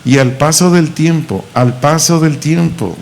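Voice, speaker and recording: A man with a Mexican Spanish accent, teaching a Bible lesson as pastor, slowly repeating and spelling out words. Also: on the high side, creaky, a little mellow, slight background noise. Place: church auditorium.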